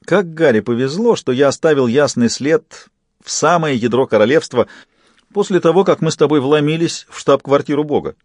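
A man's voice: fairly high pitch, animated, normal speed, no echo, voice pushed up. A man voicing a sly, theatrical jester program with a purring, overacted, falsely mournful manner. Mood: smug.

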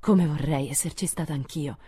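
A woman reading aloud and voicing a lively, outspoken tomboyish teenage girl, speaking in an eager, exclamatory way. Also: deep voice, normal speed, slightly rough.

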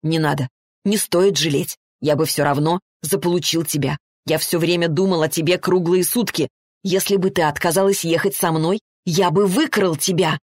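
An insistent young lover from a romance audiobook, read by a woman. He talks low and slow and coaxes. The voice sits lowish, in a dry, close room. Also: steady tone, dry recording, natural voice. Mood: urging.

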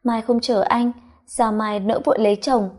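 A woman's voice: a little high, fairly even intonation, moderate pace, a little mellow, lightly acted. A woman voicing a tipsy, sugary young husband. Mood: tipsy teasing. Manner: slurred, whiny, sugary. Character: tipsy affectionate young husband, sweet-talking.

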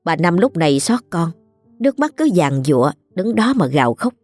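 A woman's voice: on the low side, big pitch swings, normal speed, darkish tone, no echo, faint music behind. A woman, steadily narrating a ghost story.

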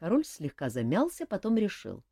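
A woman narrating a humorous fantasy audiobook in a measured, even storytelling manner. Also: mid-range voice, husky, dry recording, studio quality. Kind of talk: scripted narration.

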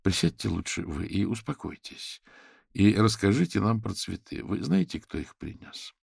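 A man voicing a polite, methodical investigator who asks formal, measured questions. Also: fairly low pitch, very animated, gravelly, a little mellow, breathy edge, no room sound, studio quality, exaggerated voice.

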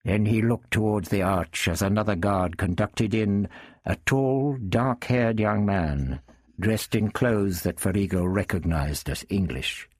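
A man narrating a story in a measured, expressive reading. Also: on the low side, dry recording, clean studio sound.

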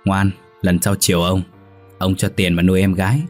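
A man's voice: deep voice, little pitch movement, moderate pace, faint music behind, close to an everyday voice. A man doing a slurring drunken old village chief. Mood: gruff drawl. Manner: slurred, drawling speech.

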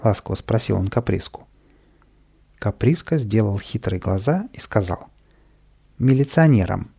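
A man narrating a children's storybook in a lively, expressive way. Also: lowish voice, moderate pace, creaky, husky. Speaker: audiobook narrator.

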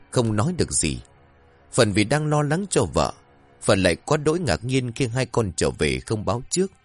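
A man narrates a horror story in a deep, low voice. His pitch swings widely for suspense and drama. Faint music plays beneath. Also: no room sound.

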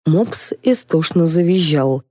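Woman narrating a comic audiobook, dark tone. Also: sits low, takes it slowly, no echo, clean studio sound. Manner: lively, ironic storytelling. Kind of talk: first-person audiobook narration.

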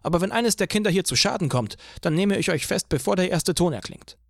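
A stern middle-aged police commander speaks in a raised, firm, warning tone, as a man reads him in an audiobook. His voice sits noticeably higher than the narration. The sound is dry and close, with no room around it. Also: animated, brisk, gravelly, no echo, full character voice. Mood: stern, insistent. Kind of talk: audiobook dialogue reading.

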